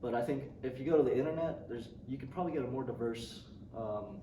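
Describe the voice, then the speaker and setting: This student interviewee is a young adult from Indonesia who talks fast in a mid-range voice. He responds to interview questions in a relaxed way, often saying um, starting over and laughing lightly, and the recording sounds roomy, distant and noisy.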